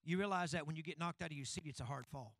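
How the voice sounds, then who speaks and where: A male pastor preaching a sermon in a church. He leads call-and-response with the congregation and builds to fervent shouting. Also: a little high, racing, no echo, rough recording. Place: church sanctuary.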